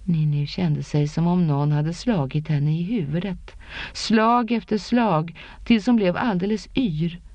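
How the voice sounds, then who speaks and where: A woman narrating a fantasy audiobook in a measured, even storytelling manner. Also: lowish voice, dry recording. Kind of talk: scripted narration. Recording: dull lo-fi, dry.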